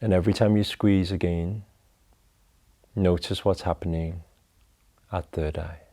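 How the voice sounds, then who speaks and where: A man leading a guided breathing meditation, talking slowly and calmly through each step. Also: sits low. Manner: slow, calm, instructive.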